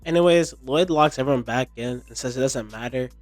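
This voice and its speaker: A young man delivers an informal, sarcastic recap in a medium-pitched voice. The sound is dry, with faint music underneath his slangy commentary. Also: a little fast, no room sound. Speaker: video commentator.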